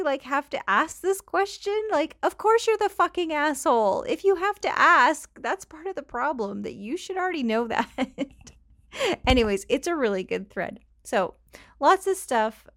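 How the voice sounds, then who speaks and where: A woman with a Canadian accent chats casually on her own podcast, rambling, going on tangents and laughing frequently, recorded on a cheap home microphone. Her voice is a little high, and the audio is dry with clean studio sound.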